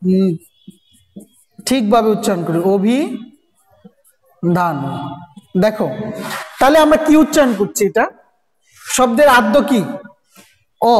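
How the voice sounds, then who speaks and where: Teacher quizzing students in an echoey room. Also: mid-range voice. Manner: constant rhetorical questions to students, repeating and spelling out sounds. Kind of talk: recorded grammar lesson for students. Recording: echoey room with long reverb.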